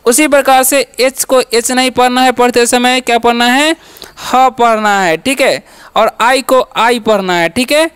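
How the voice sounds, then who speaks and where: A man's voice: very high voice, moderate pace, a bit bright, clear, resonant tone. A man teaching English as a channel's teacher, drilling letter sounds with repeated questions and answers and frequent "okay" check-ins. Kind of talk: classroom-style lesson.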